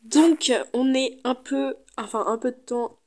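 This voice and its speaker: A woman's voice: high-pitched, a little slow, darkish tone. A woman giving casual, chatty gameplay commentary, thinking aloud as she goes. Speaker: gaming video creator.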